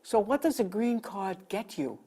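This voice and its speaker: A woman hosting a public-access talk show, introducing and questioning her guest in a measured, formal way. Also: medium pitch, very animated, mellow, slightly rough.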